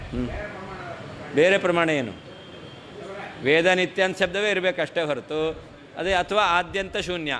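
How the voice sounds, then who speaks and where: A man's voice: on the high side, sharp tone, slight background noise. A man teaching a scripture text in a traditional lecture, reading Sanskrit lines and explaining them, asking and answering his own questions. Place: lecture hall.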